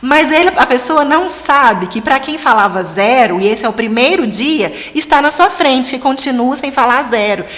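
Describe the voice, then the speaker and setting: A woman in her thirties with a Brazilian Portuguese accent leads a live-streamed lesson in a lively, coaxing tone. Her voice sits fairly high, and a long reverb trails after each phrase. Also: moderate pace, hardly any pauses. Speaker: English teacher for parents.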